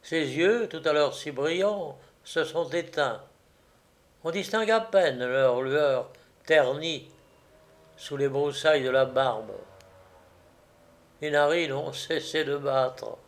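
A man narrating a story aloud in a measured, unhurried way. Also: fairly high pitch.

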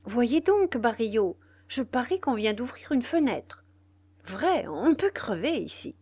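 A woman's voice: fairly high pitch, very animated, measured pace, darkish tone, breathy edge, dry recording, pitched above the performer's own voice, heavily acted. A woman reading the part of a petulant young stage actress who complains brusquely. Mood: irritated.

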